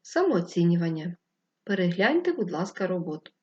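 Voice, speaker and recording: Woman teacher with a lively, sing-song voice. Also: lowish voice, highs cut off. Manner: slow, clearly dictated teacher instructions. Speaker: primary school teacher. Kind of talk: distance-learning lesson for first graders.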